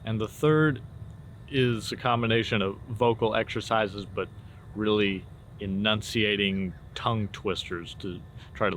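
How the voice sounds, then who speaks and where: A man talking as a casual drama teacher, informally explaining and demonstrating theater warm-up exercises. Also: fairly low pitch. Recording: clear steady background noise.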